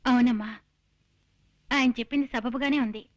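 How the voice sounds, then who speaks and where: An actress playing a young daughter who is devoted and dutiful, speaking earnestly and firmly. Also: female voice, a little high, steady tone, normal speed, background noise, close to an everyday voice. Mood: resolute. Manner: earnest, resolute.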